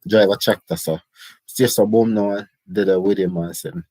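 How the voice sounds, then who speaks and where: A man's voice: fairly low pitch, steady tone, normal speed, warm tone, husky, no room sound. A middle-aged Jamaican man telling his life story in casual, rambling patois. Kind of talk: casual autobiographical chat.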